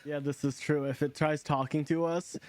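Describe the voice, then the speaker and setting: A man's voice: fairly high pitch, little pitch movement, moderate pace, a little hiss or hum. A man hosting a tabletop game stream in casual chat, playful and laughing often. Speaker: player and show host.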